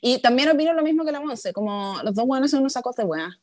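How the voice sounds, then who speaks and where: Chilean woman, casual slangy talker, hesitant, slightly high, dry mic. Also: expressive, fast, darkish tone, no echo. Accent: Chilean Spanish. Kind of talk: casual chat.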